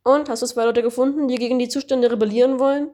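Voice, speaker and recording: A woman's voice: on the high side, steady tone, fast talker, dark tone, pitched above the performer's own voice, close to an everyday voice. A woman reading the lines of a cheeky talking kangaroo with a dry, curt manner.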